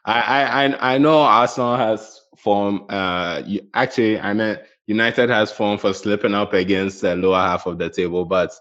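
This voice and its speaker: A man's voice: fairly low pitch, fairly even intonation, normal speed, few pauses, fairly bright tone, highs cut off. A man talking football casually as a panelist, hesitant and repeating his phrases. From Ghana.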